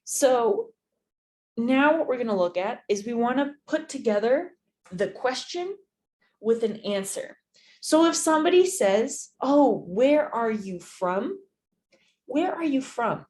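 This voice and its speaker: Slow, patient woman teaching English. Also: medium pitch, a little mellow. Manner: slow, patient, repeats phrases and checks with "right?". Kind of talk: distance-learning lesson.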